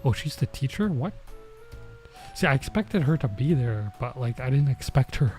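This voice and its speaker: Streaming a visual novel, a man reads the story and throws in informal, bemused reactions, sounding very animated. His mid-range voice is a little mellow and moves at a moderate pace over game music.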